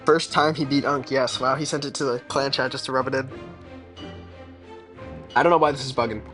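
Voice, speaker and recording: A man's voice: mid-range voice, steady tone, fairly quick, a bit bright. A man casually commenting on his own gameplay during a live stream, laid-back and mumbling asides as he reacts to chat. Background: game music.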